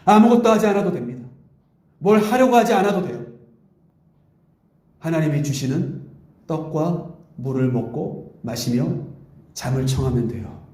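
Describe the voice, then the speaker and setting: A male pastor preaching a Sunday sermon in an earnest, pleading way, sometimes speaking softly in God's gentle voice. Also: on the high side, animated, moderate pace, pauses often. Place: church sanctuary. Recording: echoey church room.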